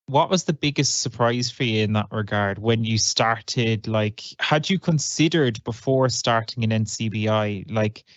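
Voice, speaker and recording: A man's voice: on the low side, unhurried, few pauses, no room sound. A man hosting a podcast, upbeat and conversational as he introduces segments and questions a guest. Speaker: podcast host. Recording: dry, slightly dull lo-fi sound.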